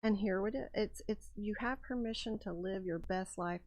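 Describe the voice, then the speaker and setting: A woman speaking as a guest on a talk show, earnest and rambling, often restarting her sentences. Her voice sits at a middling pitch, and the recording sounds dry and close. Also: moderate pace, a little mellow, no room sound. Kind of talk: casual interview chat.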